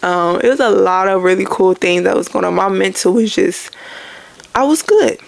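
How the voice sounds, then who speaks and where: A young woman hosts her own podcast, talking casually about faith and calling her listeners "y'all." Her medium-pitched voice is gravelly and she sounds out of breath, speaking at a moderate pace. The recording is dry, with no room sound.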